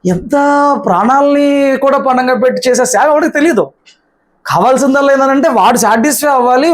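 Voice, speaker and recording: A pastor preaching a sermon to his congregation, emphatic and repetitive, firing rhetorical questions one after another. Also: high-pitched.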